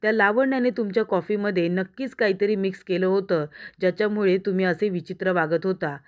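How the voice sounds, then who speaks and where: A sharp-tongued young wife fires reproachful questions at her husband, as a woman narrator reads her lines. The voice stays mid-pitched and even, close to the reader's own. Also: muffled recording, close to an everyday voice. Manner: reproachful, rapid-fire questions.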